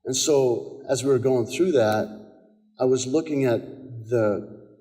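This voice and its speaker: A man's voice: medium pitch, measured pace, mellow. A man with an American accent, a pastor delivering a conversational sermon in a church, telling stories with quoted dialogue and frequent repetitions. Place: church sanctuary. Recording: long church hall reverb.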